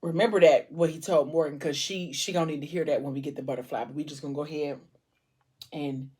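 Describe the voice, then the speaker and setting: A woman's voice: sits low, fairly even intonation, fast talker, darkish tone, slightly rough. A woman vlogger retelling a story in a casual, colloquial, gossipy way with acted-out dialogue.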